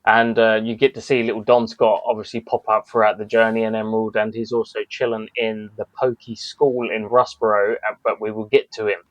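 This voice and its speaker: A man's voice: lowish voice, flat delivery, fairly quick, few pauses, no echo. Slangy man, dull lo-fi mic. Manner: slangy, tags lines with "innit". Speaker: podcast co-host. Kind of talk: casual chat.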